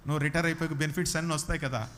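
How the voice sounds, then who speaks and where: Guy preaching, kinda high voice, punchy, keeps repeating lines, long hall echo. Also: fairly even intonation, racing, fairly bright tone, slight background noise. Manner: emphatic, repeats lines, asks the audience if they understood. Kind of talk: sermon.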